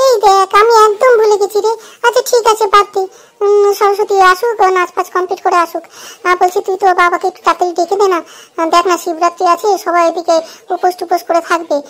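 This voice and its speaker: A woman voicing a fussing, worried goddess mother in a cartoon, with a scolding, hurried manner. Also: extremely high pitch, flat delivery, fairly bright tone. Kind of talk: cartoon voice acting.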